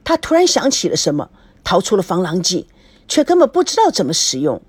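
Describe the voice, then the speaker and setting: Woman storyteller, expressive, lively pitch, dry close sound. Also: fairly quick, breathy edge, dry recording. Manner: expressive narration. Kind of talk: reading a romance story aloud.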